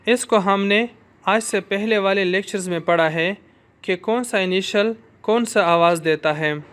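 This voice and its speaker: An Urdu-accented man with a fairly high, smooth and resonant voice gives a language lesson. He talks slowly and carefully, breaking each point down and repeating the sounds in steady drills. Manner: slow, careful explanation with drilled repetitions. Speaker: language teacher. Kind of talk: recorded Chinese lesson.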